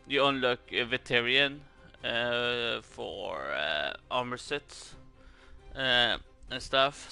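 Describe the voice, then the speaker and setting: A man's voice: mid-range voice, sharp tone, smooth. A man from Sweden with a Swedish accent gives casual game commentary in a hesitant, rambling way, repeating words as he goes. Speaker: gaming video creator.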